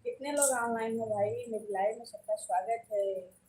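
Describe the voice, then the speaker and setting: A live-stream host and folk singer with an Awadhi accent chats casually and homely on her stream, repeatedly urging viewers to join. Her voice is on the high side with a dark tone at a moderate pace, picked up by a distant mic with faint background noise.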